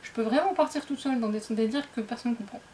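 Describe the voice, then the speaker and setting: A young woman with a slightly high voice chats through a book haul in front of her camera at home. She rambles, stumbles and corrects herself as she goes, with a faint hiss of room noise behind her. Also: quick pace, mellow. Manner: rambling, self-interrupting, chatty. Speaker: book vlogger. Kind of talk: casual book haul vlog. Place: indoors at home, dim light. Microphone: camera facing her.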